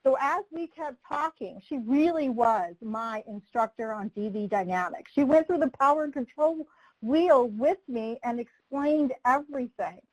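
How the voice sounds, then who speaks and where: A woman and former prosecutor telling a personal story in a training webinar, acting out the dialogue in a lively way. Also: a little high, no echo, rough recording.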